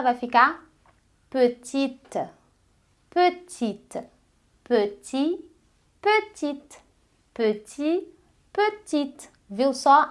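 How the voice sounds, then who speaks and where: Woman teaching French, slightly high voice. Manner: slow, carefully repeated French examples between casual Portuguese explanations. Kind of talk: online language lesson.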